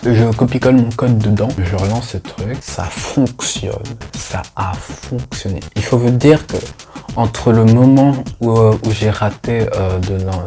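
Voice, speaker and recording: A man's voice: medium pitch, dark tone. Young guy rambling on his vlog, lots of euh and restarts, faint music behind. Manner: chatty, self-mocking, many fillers. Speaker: youtuber. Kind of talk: casual vlog chat. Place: indoors at home. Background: faint background music.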